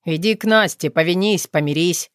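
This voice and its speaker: A woman's voice: on the low side, normal speed, dry recording, studio quality, close to an everyday voice. A woman doing an easygoing young man.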